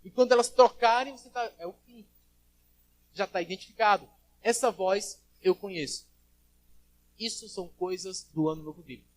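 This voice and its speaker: A man preaches to his congregation in a fairly high voice. He rises to loud, ringing calls and drops to low, quiet asides. He acts out the voices of the people he quotes. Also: normal speed, long pauses, slight background noise. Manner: preaching with big swings in loudness, acting out quoted voices. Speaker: pastor. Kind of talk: sermon. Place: church service.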